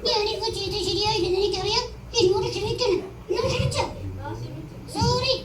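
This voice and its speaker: A woman's voice: very high-pitched, a little fast, voice pushed up. A woman voicing a cheeky little second-grade schoolgirl in a children's skit, giggly and teasing. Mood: sheepish. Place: large indoor hall. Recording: echoey hall, far from mic, crowd. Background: audience chatter.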